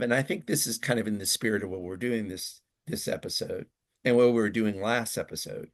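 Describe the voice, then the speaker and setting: A man's voice: mid-range voice, a bit bright. A man co-hosting a podcast in a casual academic discussion, speaking carefully, hedging and restarting to qualify his points. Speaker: podcast co-host.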